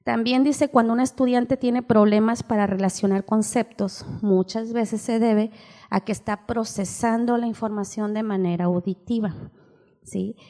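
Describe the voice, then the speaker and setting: A woman's voice: on the high side, fairly even intonation, moderate pace, dark tone. Older woman lecturing in a reverberant hall. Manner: explains while reading aloud, keeps asking ¿sí?. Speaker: teacher trainer at a church seminar. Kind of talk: seminar lecture. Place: church hall.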